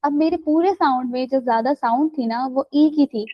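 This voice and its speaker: A woman's voice: sits high, moderate pace, dry recording, dull audio. A woman teaching an English class online, explaining step by step and checking that students follow. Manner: explains step by step, checks understanding with "right?" and "theek hai".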